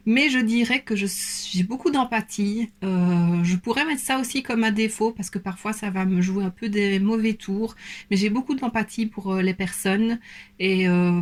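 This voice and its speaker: A young woman from Belgium with a light Belgian French accent, answering viewer questions in a casual vlog with many hesitant fillers. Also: mid-range voice. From Belgium, Liège province. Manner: hesitant, many fillers, soft and self-conscious. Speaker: beauty YouTuber.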